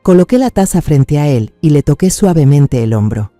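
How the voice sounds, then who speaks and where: A man narrating a family drama in a measured, somber, suspenseful way. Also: fairly high pitch, expressive, mellow, no room sound, faint music behind.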